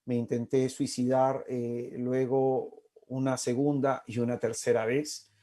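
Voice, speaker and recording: A man in his forties from Peru, giving an impassioned preaching talk with slow, emphatic repetitions and sudden soft asides. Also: mid-range voice, little pitch movement. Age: 40s. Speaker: speaker at a faith-based family talk.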